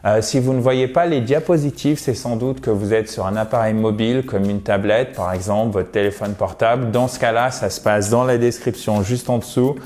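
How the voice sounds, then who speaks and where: A man's voice: on the low side, darkish tone. Male teacher giving a video lesson on pronunciation, encouraging and direct with viewers. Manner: slow, drawn-out English model words.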